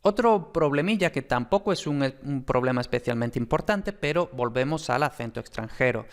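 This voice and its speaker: Man, phonetics lecture, explanatory, hesitant fillers, medium pitch. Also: lively intonation, moderate pace. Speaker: phonetics teacher.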